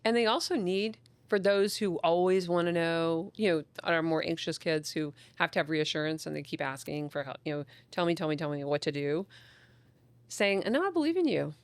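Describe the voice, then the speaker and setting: A woman child psychologist chatting on a podcast, with a gravelly, fry-laced voice that sits a little low. She tells her stories with lively enthusiasm and acts out the people she quotes. The sound is close and dry. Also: moderate pace, no echo. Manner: enthusiastic, animated storyteller acting out quotes. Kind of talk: casual podcast conversation.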